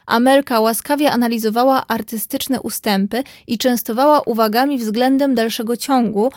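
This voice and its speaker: A woman narrating a classic novel in an even, clear storytelling manner into a close mic. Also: fairly high pitch, no echo. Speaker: audiobook reader.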